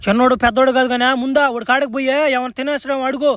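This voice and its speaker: A man voicing a cartoon hero in crude, rapid, profane comic banter. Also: extremely high pitch, flat delivery, a bit bright. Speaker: cartoon voice actor playing the Flash.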